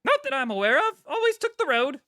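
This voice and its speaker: A woman's voice: high voice, huge pitch swings, quick pace, bright, forceful tone, no room sound, clean studio sound, heavily acted. A woman voicing a hearty, folksy male innkeeper in a tabletop role-playing game. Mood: folksy, matter-of-fact. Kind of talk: tabletop role-play character voice.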